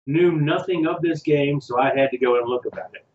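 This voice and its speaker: A man's voice: fairly high pitch, brisk, darkish tone, roomy sound, dull audio. A man co-hosting a casual podcast chat, rambling and hesitant as he goes down a list. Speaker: podcast co-host.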